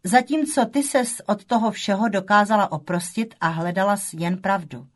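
A woman's voice: medium pitch, natural voice. Woman voicing a wry, proud mother. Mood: earnest.

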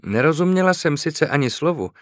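A man voicing a jealous, hot-tempered young woman in an audiobook, sharp and accusing. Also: a little high, lively intonation, dry recording, studio quality, voice pushed up, natural voice.

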